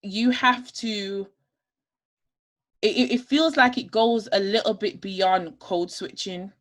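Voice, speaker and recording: A woman's voice: medium pitch, takes it slowly. Emphatic woman laying out her points. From United Kingdom. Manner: emphatic, lays out points one by one. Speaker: podcast co-host. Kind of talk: candid discussion.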